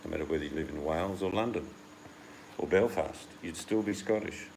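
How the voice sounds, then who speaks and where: A man's voice: low-pitched, a little fast, vocal fry, a little mellow, slight background noise, rough recording. A man from the United Kingdom chatting casually and rambling as host, acting out the voices he quotes. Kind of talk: casual chat.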